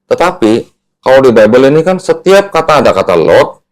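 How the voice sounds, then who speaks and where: Hosting a religious discussion, a man teaches step by step in a conversational, didactic style, using leading questions and checking that his listener keeps up. His medium-pitched voice swings widely and runs a little fast, and the recording quality is poor.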